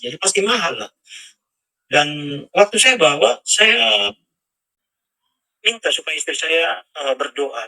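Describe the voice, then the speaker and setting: A man's voice: mid-range voice, pushed and bright, husky, no room sound, poor audio. A middle-aged man telling his life story as a personal testimony, in an earnest storytelling way and acting out the dialogue. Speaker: pastor giving a testimony.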